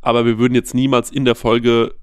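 A man, a guest who hosts a film podcast, talking casually and telling animated stories with many fillers. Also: medium pitch, a little fast, clean tone, no room sound, clean studio sound. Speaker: podcast host, guest here. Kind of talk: casual interview chat.

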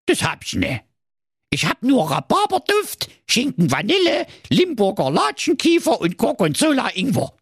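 A man's voice: very high voice, huge pitch swings, normal speed, fairly bright tone, breathy edge, dry recording, studio quality, voice pushed up, exaggerated voice. A man voicing a grumpy, sly, evil male dwarf in a comic fairy tale, with a grumbling manner.

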